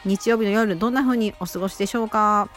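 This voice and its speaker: A woman's voice: medium pitch, fairly even intonation, quick pace, faint music behind. A woman hosting her own casual solo talk show on a radio app, chatting in a rambling, self-deprecating way with many fillers. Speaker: amateur radio-app host.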